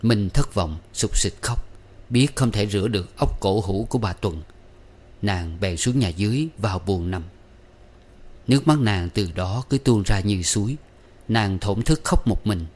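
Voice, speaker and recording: A man narrating a novel with measured, expressive reading. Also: fairly low pitch. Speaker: audiobook narrator.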